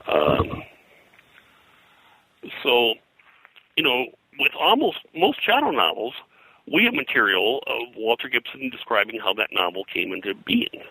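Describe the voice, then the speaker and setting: Looking back on his career in a conversational interview, an older pop culture historian and pulp publisher speaks in a low, husky voice with vocal fry. He rambles, halts, and repeats words. His sharp, forceful sound is captured very dry and close with no room sound, though the audio is poor.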